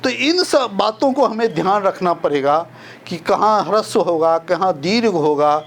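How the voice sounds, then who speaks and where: An older man teaching a spelling lesson, explaining slowly and repeating each example. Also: high-pitched, animated. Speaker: Hindi teacher.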